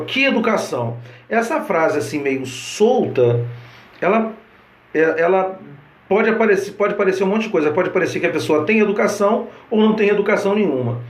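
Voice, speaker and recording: A man's voice: on the high side, reverberant. A man explains grammar over slides in a conversational way, often checking in with his listeners. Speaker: teacher.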